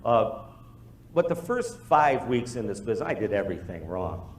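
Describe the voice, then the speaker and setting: A business presenter with a lowish voice gives a motivational talk to a live group at normal speed, animatedly telling stories and acting out the quoted dialogue. The room is echoey.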